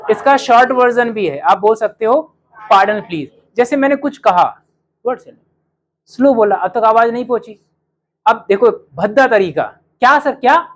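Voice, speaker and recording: A male teacher gives a spoken English lesson to his students. He slows right down to say each sample sentence with care. He keeps quizzing the class with rhetorical questions. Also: sits high, poor audio. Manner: says English model sentences slowly and clearly, then quizzes students.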